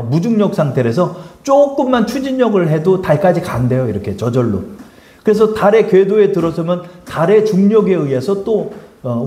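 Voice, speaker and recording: Emphatic Korean pastor in echoey hall. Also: male voice, on the high side, dark tone. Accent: Seoul Korean. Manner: emphatic, rhetorical questions, acts out quotes. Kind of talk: sermon. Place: church sanctuary.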